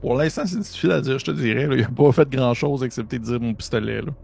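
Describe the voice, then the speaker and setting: Gravelly Québécois man running a game. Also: mid-range voice, fast talker, darkish tone. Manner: hesitant, many fillers and restarts. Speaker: game master. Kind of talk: narrating a tabletop horror game.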